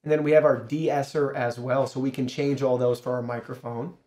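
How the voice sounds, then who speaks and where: A man in his thirties with a mid-range, dark voice keeps a level tone and a brisk pace as he gives an upbeat, casual product overview and software tutorial, addressing viewers directly. He reviews and hosts from a small indoor studio, using a shotgun studio microphone run through an audio mixer.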